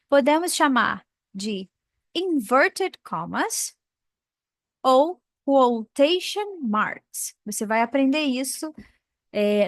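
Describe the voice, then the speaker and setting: Slow, careful woman teaching English. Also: high-pitched, dry recording, clean studio sound. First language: Portuguese. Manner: slow, careful, drawing out example words. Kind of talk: explaining English punctuation in a lesson.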